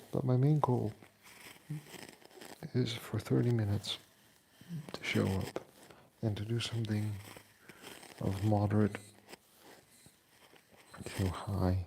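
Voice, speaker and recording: A man in his forties, a fitness vlogger talking in a casual, unhurried way from his kitchen, pausing often with fillers. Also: on the low side, steady tone, creaky, background noise. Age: 40s. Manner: unhurried, reflective, pauses with fillers. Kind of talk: casual chat. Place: home kitchen.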